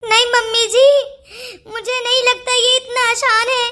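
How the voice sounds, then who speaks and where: A high voice doing a jealous whiny young wife. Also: flat delivery, unhurried, pushed and bright, full character voice. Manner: whiny, complaining.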